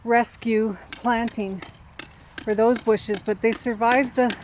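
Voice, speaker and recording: Slow, halting woman outdoors. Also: fairly high pitch, steady tone, lo-fi sound, a little hiss or hum. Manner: slow, halting, many fillers. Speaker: homesteader showing her garden. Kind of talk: casual explaining to camera. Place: outdoors by a driveway.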